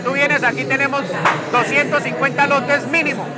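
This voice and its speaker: A man's voice: very high-pitched, little pitch movement, moderate pace. A man with a Colombian accent talking casually and persuasively in an interview, in colloquial speech. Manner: colloquial, persuasive, asks rhetorical questions. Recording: loud music and crowd noise behind. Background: loud music, crowd.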